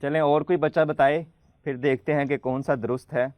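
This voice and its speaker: A man hosting a children's program, patiently quizzing the kids and slowly spelling out letters for them to pronounce. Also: fairly high pitch, steady tone, no echo, dull audio. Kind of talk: friendly studio hosting for children.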